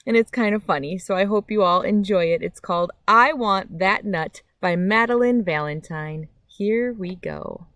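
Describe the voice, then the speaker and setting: Outdoors by a meadow, a woman hosts a children's read-aloud, chatting casually and reading a picture book in a simple, friendly storyteller's way. Her mid-range, fairly bright voice keeps a moderate pace with hardly any pauses. The recording is dry and studio quality.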